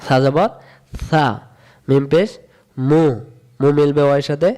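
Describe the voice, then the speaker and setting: A man from Bangladesh, teaching a step-by-step recitation lesson, repeating rules in a sing-song chant and drawing sounds out slowly. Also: fairly high pitch, mellow. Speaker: Quran reading teacher.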